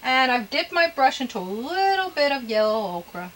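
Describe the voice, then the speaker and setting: Gentle woman painting instructor over background noise. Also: sits high, big pitch swings, normal speed, rough recording. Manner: gentle, easygoing, encouraging; folksy, chatty, murmuring asides to self. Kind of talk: casual step-by-step painting demonstration.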